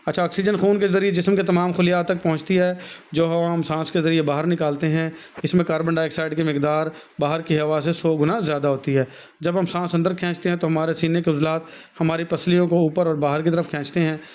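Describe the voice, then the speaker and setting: A man's voice: a little high, flat delivery, quick pace. Man explaining a textbook lesson. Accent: Pakistani Urdu. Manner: reads a passage, then explains it warmly to students, calling them "beta". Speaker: teacher. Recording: dull, lo-fi recording.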